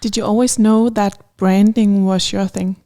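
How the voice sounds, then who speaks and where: A woman's voice: medium pitch, fairly even intonation, dark tone, no echo, clean studio sound. A woman hosting a panel podcast, introducing guests and moderating with short acknowledgements. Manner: friendly, moderating with quick acknowledgements. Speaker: podcast host. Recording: faint music in the background.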